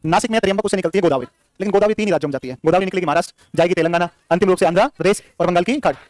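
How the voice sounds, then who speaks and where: Man, teacher, geography class, very fast, high voice, drills questions and answers, jokey, dry close sound. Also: darkish tone, no echo. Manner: jokey, scolds the class playfully. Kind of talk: live classroom lecture.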